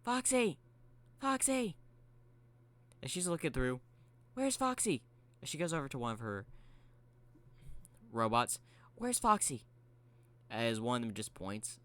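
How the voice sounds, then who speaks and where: A man's voice: lowish voice, a bit bright, clean tone, close to an everyday voice. A man voicing a hyper, cheerful female robot spirit girl who talks about herself in the third person.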